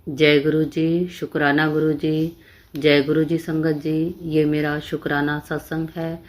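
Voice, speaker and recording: A woman's voice: deep voice, level tone, unhurried. A middle-aged woman telling a personal devotional testimony in a rambling, conversational way that repeats itself.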